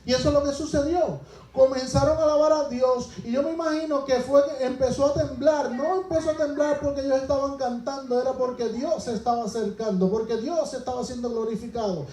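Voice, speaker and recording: High-voiced male preacher in an echoey church. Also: steady tone, a little fast, warm tone. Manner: asks the congregation rhetorical questions; retells scripture as a story, acting out the lines. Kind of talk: sermon.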